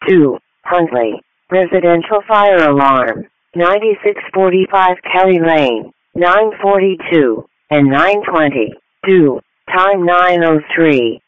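High-pitched male dispatcher on narrowband radio. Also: expressive, takes it slowly, hardly any pauses, dry recording. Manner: clipped, itemized reading. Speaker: emergency dispatcher. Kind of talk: repeated dispatch announcement. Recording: thin, phone-like radio broadcast.

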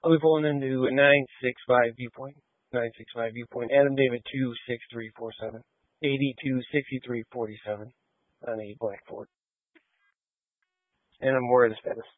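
A male police officer calls in traffic stops and spells out plates in a flat, matter-of-fact way. His voice comes through a narrow, phone-like radio band. The sound is dry and close. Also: mid-range voice, moderate pace, no echo. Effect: heard over a phone-like radio channel.

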